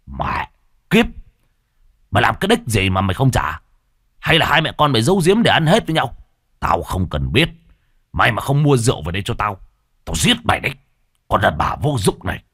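A man's voice: deep voice, expressive, fast talker, a bit bright, no echo, clean studio sound, heavily acted. A man voicing a drunk, violent middle-aged husband who curses and threatens. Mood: raging. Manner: snarling, coarse and threatening.

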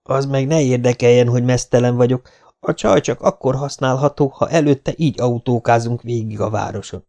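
A man's voice: medium pitch, gravelly, mellow, voice pushed up, lightly acted. A man voicing a cheeky, sarcastic man taunting an old woman. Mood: cocky. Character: cocky naked man mocking an old woman.

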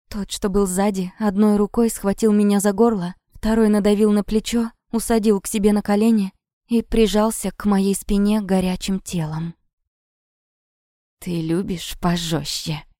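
A woman's voice: mid-range voice, mellow, dry recording, clean studio sound. A woman reading a dramatic first-person audiobook in a tense, vivid manner. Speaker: audiobook narrator.

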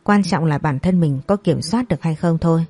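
A woman voicing a calm, thoughtful middle-aged brother-in-law who gives measured advice. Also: low voice, breathy edge.

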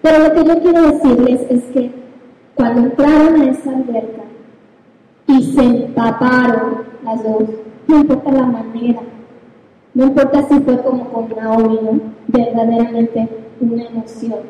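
A woman with a Mexican Spanish accent, a mother preaching and telling a personal story with lively, animated storytelling and sound effects. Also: fairly high pitch, measured pace. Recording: very echoey hall, faint noise.

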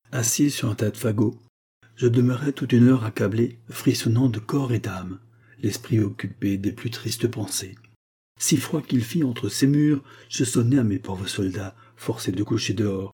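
Mellow husky male audiobook narrator. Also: fairly low pitch. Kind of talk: scripted first-person narration.

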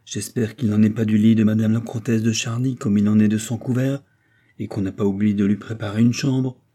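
A man's voice: lowish voice, flat delivery, brisk, dark tone, close to an everyday voice. A man reading aloud and voicing a genial, well-fed king who talks in a hearty, insistent way. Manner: hearty, insistent, fond of his food.

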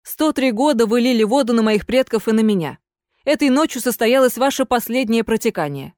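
A woman voicing a calm, courteous young gentleman who coldly outwits a ghost in a read-aloud story. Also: fairly high pitch, fairly quick, dry recording, natural voice. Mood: coldly mocking. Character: cool, polite, scheming young gentleman. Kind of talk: audiobook character voice.

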